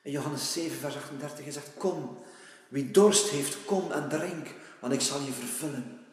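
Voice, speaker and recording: Soft-spoken high-voiced male preacher. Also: moderate pace. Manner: gentle, repetitive, coaxing. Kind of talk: soft prophetic worship ministry. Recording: echoey hall with faint music.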